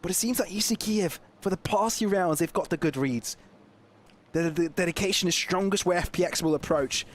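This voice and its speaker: A man casting an esports match with excitable, jokey play-by-play commentary. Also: sits high, brisk. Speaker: esports caster.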